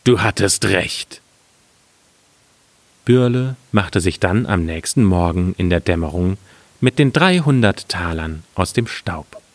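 A man reading a fairy tale aloud in a calm, measured storytelling manner. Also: low-pitched, dry recording.

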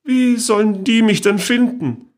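A man's voice: high voice, measured pace, pitched above the performer's own voice. A man voicing a cheerful, scheming old great-aunt of seventy-eight who talks sweetly and innocently. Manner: sweetly innocent, chirpy and carefree.

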